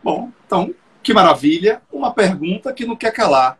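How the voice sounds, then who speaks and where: Ceremonious male host, high voice. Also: big pitch swings, brisk, fairly bright tone, breathy edge, low-quality recording. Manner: ceremonious, flowery phrasing. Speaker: host, professor. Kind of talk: formal live-stream interview. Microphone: video call.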